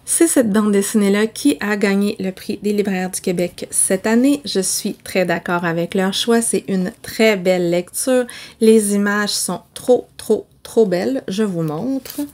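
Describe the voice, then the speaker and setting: A young woman with a Québécois accent talks through her reading in a chatty, animated way. She speaks straight to her viewers as a book vlogger, keeping it casual and lively. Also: medium pitch, unhurried. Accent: Québécois French.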